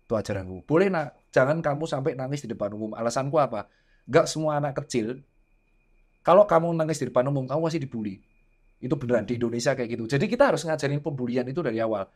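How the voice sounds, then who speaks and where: Animated storytelling man, casual chat. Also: mid-range voice, fast. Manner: animated storytelling, acting out quoted dialogue. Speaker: guest doctor and father.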